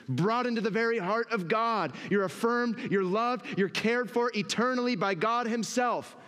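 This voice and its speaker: Male pastor, high voice, expressive sermon delivery with acted-out asides, long hall reverb. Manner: expressive preaching, acts out quoted inner voices.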